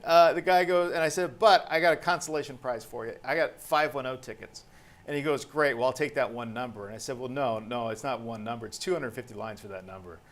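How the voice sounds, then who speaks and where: A man hosting a panel, casually telling a long anecdote and acting out the dialogue of the people in it. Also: medium pitch. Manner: animated, acts out quoted dialogue.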